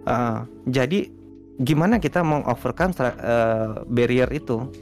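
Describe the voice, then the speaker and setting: A man appearing as a guest streamer chats casually in an interview, relaxed and rambling with plenty of fillers. His voice is medium in pitch and measured in pace, with soft music playing in the background.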